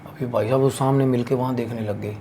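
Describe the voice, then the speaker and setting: Gravelly man telling a crude ghost story. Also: medium pitch, fairly even intonation, fast talker, mellow, a little hiss or hum. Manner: crude slangy storytelling, heavy swearing. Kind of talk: casual horror storytelling.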